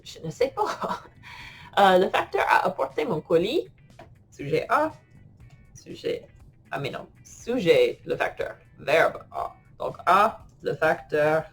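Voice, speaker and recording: A woman's voice: on the low side, very animated, slow pace, husky, faint music behind. A woman teaching French grammar in an online lesson, playful and laughing often as she types and talks to herself.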